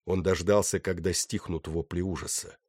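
A man narrating a novel with steady, dramatic storytelling. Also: low-pitched, moderate pace, no echo, studio quality. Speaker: audiobook narrator. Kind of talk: scripted narration.

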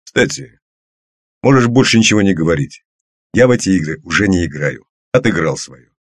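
A man voicing a gruff, suspicious retired older man who talks curtly and grumbles. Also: sits low, animated, a little fast, no room sound, studio quality. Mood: grumbling. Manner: curt, grumbling.

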